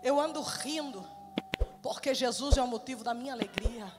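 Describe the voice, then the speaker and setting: Woman missionary, middle-aged, animated testimony sermon, live hall with faint music. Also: fairly high pitch, normal speed. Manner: lively, animated storyteller who laughs and shouts. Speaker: missionary preacher.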